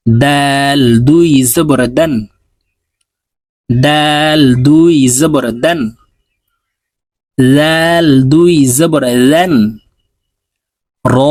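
A man teaching Quran letter pronunciation, reciting each sound slowly and evenly for students to repeat. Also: on the high side, a little mellow, no echo. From Bangladesh. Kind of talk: slow recitation drill lesson.

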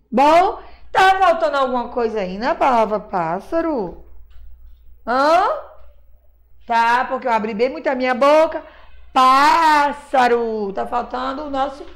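A woman's voice: high-pitched, animated. A woman from Brazil's teaching a class of young children, patiently spelling words out syllable by syllable and calling herself auntie. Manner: slow, drawn-out syllable-by-syllable spelling; patient, uses diminutives, refers to herself as auntie. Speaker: primary school teacher.

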